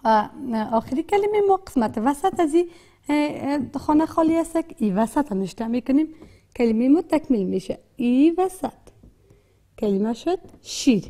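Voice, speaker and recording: A woman's voice: sits high, animated, warm tone. A woman with an Afghan Dari accent teaching a literacy lesson, patiently repeating and spelling out words with frequent hesitations. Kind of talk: classroom lesson.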